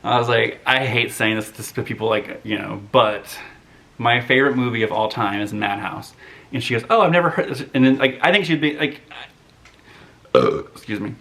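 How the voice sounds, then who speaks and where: A man in his thirties chatting casually to camera as a movie vlogger, rambling and animated, full of "like". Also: medium pitch, normal speed, gravelly.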